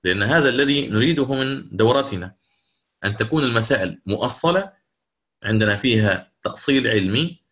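A middle-aged man teaching recitation rules with a bright, forward tone. He explains patiently, step by step, often stopping to ask whether his students follow and to take their questions. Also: medium pitch, lively intonation. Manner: explanatory, pauses to check understanding and answer questions. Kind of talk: online lecture with recited examples.

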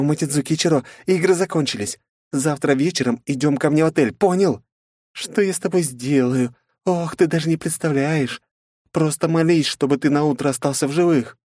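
A man's voice: fairly high pitch, darkish tone, no room sound, studio quality, pitched above the performer's own voice, lightly acted. A man voicing a haughty, possessive young princess who snaps, scolds and threatens in an audiobook. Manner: snapping, scolding, menacing. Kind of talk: audiobook character voice.

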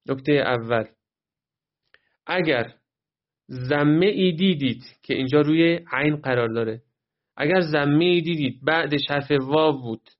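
Guy teaching quran recitation rules, kinda high voice, muffled lo-fi sound, slow and patient. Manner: patient, explains step by step and models drawn-out recitation. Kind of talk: tajweed lesson.

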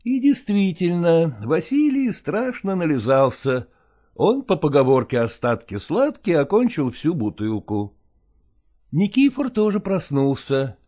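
Expressive storyteller with a lively pitch. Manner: measured, lowered narrating voice. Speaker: narrator.

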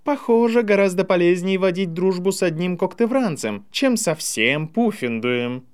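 A male audiobook reader puts on a proud, scheming boy wizard who drawls his words with open mockery. The voice sits high and swings lively through each sneer. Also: moderate pace, clear, resonant tone. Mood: mocking. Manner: drawling, mocking. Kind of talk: audiobook character reading.

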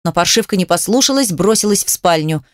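Woman reading a story out loud, steady and even, dry close mic. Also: fairly low pitch, brisk, no echo. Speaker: audiobook narrator. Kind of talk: scripted narration of a romance novel.

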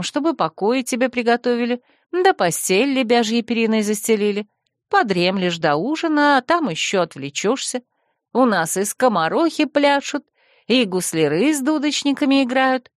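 A woman voicing a young woman's gentle, persuasive older sister in an audiobook, folksy and soothing. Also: fairly high pitch, lively intonation, moderate pace, no echo, studio quality, natural voice. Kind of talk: audiobook character voice.

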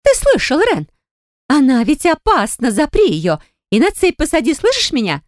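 In a studio-quality recording with no echo, a woman narrating an audiobook plays a haughty dragon woman in hysterical fury, shrieking and snarling at her brother's mate. Her voice is sing-song and a little mellow at normal speed, turning shrill, hissing and snarling.

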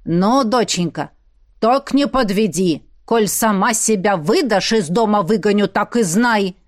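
Woman voicing boastful old tsar, gruff and slow. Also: mid-range voice, expressive, natural voice. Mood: threatening.

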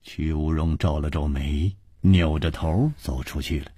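A male storyteller narrating a long-form story broadcast in an animated way, voicing every character himself. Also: a bass voice, measured pace, husky, no room sound, clean studio sound.

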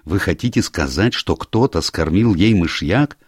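A man reading an audiobook, voicing a young woman who rises into higher, quick exclamations. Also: animated, a little mellow, slightly rough, dry recording, studio quality, heavily acted. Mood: urgent. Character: Susan Banks, composed young woman.

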